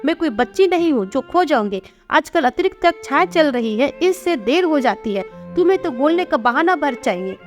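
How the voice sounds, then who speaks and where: A woman's voice: high voice, animated, normal speed, hardly any pauses, faint music behind. A woman voicing an irritable college-going daughter who talks back to her mother in a storybook reading. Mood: exasperated. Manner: exasperated, talking back.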